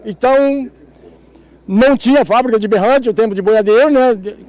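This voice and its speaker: A man's voice: extremely high pitch, normal speed, a little mellow, dry recording. A man who plays the cattle horn, answering a reporter outdoors at a farm fair in a folksy, laughing, rambling way. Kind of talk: casual interview answers.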